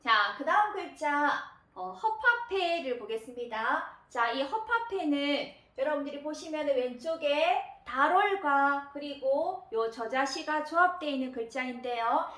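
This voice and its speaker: A woman teaching Japanese kanji readings, patient, often pausing with fillers and repeating key words slowly. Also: high-pitched, expressive, bright, forceful tone. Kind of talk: explanatory lesson narration. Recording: roomy echo.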